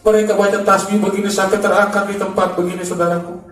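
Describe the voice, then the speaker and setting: A man's voice: high-pitched, little pitch movement, fast, fairly bright tone, reverberant, far from the mic. A man from Makassar, a former gangster, gives a fervent preached testimony and keeps calling his listeners "brother". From Makassar, Indonesia. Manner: fervent, addresses listeners as "saudaraku" over and over.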